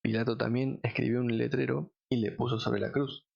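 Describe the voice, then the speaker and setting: A man reading scripture aloud in a measured, solemn way. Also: mid-range voice, level tone, gravelly, darkish tone, lo-fi sound. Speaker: Bible reader.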